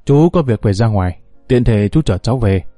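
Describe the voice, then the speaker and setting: A man's voice: on the low side, expressive, brisk, warm tone, no echo, faint music behind, lightly acted. A man voicing a stern aging company director and father. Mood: weary.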